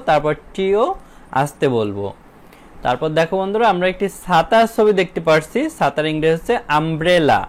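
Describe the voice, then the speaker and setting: A man with a Bangladeshi accent teaching a children's English lesson, explaining patiently and drawing out English phrases slowly. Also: sits high.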